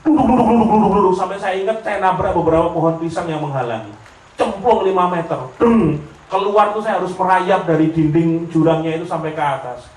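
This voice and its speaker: A man's voice: high voice, brisk. A man with a Javanese accent giving a humorous sermon, telling stories and acting out the voices of the people in them. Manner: animated, jokey, slips into Javanese, acts out voices. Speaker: preacher. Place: lecture hall with audience laughter. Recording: echoey hall, heard from a distance.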